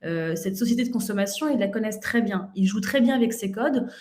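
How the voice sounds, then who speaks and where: A woman's voice: mid-range voice, lively intonation, brisk, darkish tone, roomy sound. A woman giving an expo conference talk, fluent but with frequent fillers and restarts. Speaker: conference speaker. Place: conference hall.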